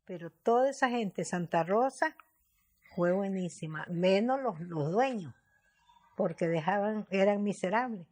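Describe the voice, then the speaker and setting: A woman in her nineties with a Guanacaste Costa Rican accent, recalling her working life in a documentary interview with plain, halting speech. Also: medium pitch, animated, dark tone. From Guanacaste, Costa Rica. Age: 90s. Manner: reminiscing, plain-spoken, halting with restarts.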